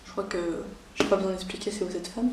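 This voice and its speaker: A young Belgian woman with a Belgian French accent, chatting excitedly through a casual unboxing vlog. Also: medium pitch, quick pace, recorded from a distance, background noise. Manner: chatty and excitable, many fillers. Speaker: YouTuber. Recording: echoey room, voice somewhat off-mic.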